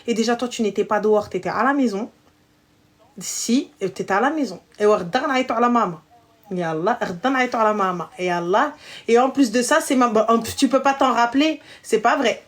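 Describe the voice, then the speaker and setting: A woman's voice: on the high side, quick pace. A young adult woman hosting a live stream, chatting casually with callers in a teasing, slangy, joking way.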